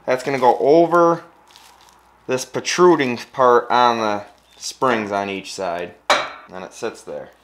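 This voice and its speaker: In his home garage workshop, a vlogger in his thirties casually walks through assembling a trailer step by step. His medium-pitched voice is a bit bright and he takes it slowly, and the garage recording is noisy.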